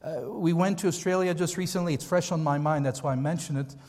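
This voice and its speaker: Here an American pastor and seminar speaker talks quickly in a somewhat high voice with a darkish tone, giving a loose, conversational training talk to a group. He tends to repeat key points for emphasis. The large hall he's in produces an echoey recording with lengthy reverb.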